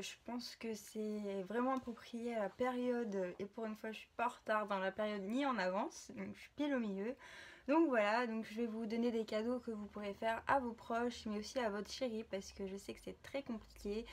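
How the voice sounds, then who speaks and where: A woman's voice: a little high, darkish tone. A young woman in a casual vlog, presenting gift ideas to her viewers in an informal, chatty way, often hesitating and restarting her sentences. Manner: hesitant, many filler sounds and restarts. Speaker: vlogger.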